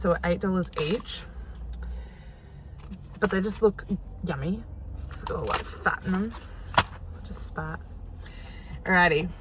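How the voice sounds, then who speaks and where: A woman's voice: mid-range voice, fairly bright tone. A young Australian woman chats casually and ramblingly to viewers, recorded on a phone camera inside a car. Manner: chatty, informal, rambling. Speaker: vlogger. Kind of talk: casual vlog chat to viewers. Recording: noisy phone camera audio.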